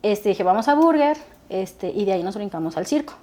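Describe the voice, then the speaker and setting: A woman, a guest telling stories about her son in a casual conversation, acting out the dialogue as she goes. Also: mid-range voice. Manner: fast animated storytelling, acting out dialogue.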